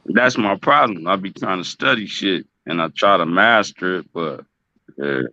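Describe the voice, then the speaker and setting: A man's voice: sits low, moderate pace, bright, forceful tone, dry recording, highs cut off. An American man chatting casually in slang, often repeating his phrases. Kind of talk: casual chat.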